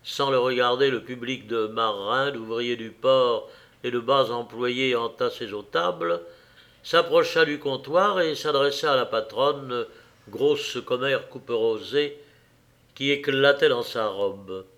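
A man narrating a classic novel as an audiobook, reading in an expressive, theatrical way. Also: mid-range voice, unhurried.

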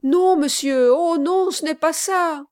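A woman voicing a high exclaiming stout bride. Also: takes it slowly, darkish tone, dry recording, studio quality. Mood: distressed. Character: stout newly married woman, emotional and warm-hearted. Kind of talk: audiobook character reading.

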